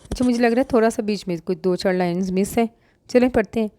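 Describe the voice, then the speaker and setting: A woman reading a romance novel aloud in steady storytelling narration. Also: medium pitch, fast talker, a little hiss or hum.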